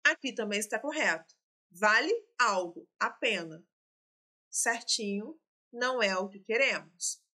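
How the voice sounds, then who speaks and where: A woman walks students through exam questions. Her voice is clear, bright and slightly high, and she explains each step while talking straight to her class. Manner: explanatory, addresses students directly. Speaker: teacher.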